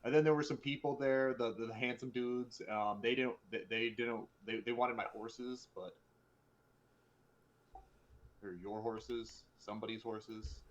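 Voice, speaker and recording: A man playing a tabletop role-playing game, improvising his character casually and haltingly, often repeating words. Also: mid-range voice, steady tone, lo-fi sound.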